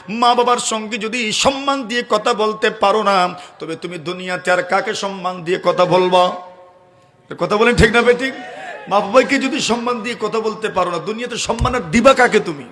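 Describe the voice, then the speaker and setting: A man preaches a waz sermon. He breaks into slow, melodic chanting of Quranic verses and keeps asking his listeners rhetorical questions. His delivery climbs to loud, emphatic peaks and then drops to a soft storytelling tone. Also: high-pitched. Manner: asks the audience rhetorical questions. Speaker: Islamic preacher.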